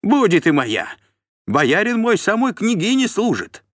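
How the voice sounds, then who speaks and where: A man voicing an insolent male steward who shrieks defiant threats in a shrill voice. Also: wildly swooping pitch, measured pace, a bit bright, no echo, heavily acted.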